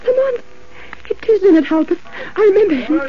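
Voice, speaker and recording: An actress playing a detective's anxious, wry companion in 1940s radio drama style, urgent and questioning. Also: female voice, extremely high pitch, lively intonation, brisk. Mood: frightened. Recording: muffled, hissy old radio recording.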